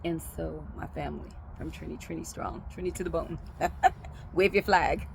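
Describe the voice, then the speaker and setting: A woman giving a reflective religious talk, speaking thoughtfully and pausing often with filler sounds. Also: sits low, fairly even intonation, creaky, noisy background. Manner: slow, thoughtful, pausing with frequent ums.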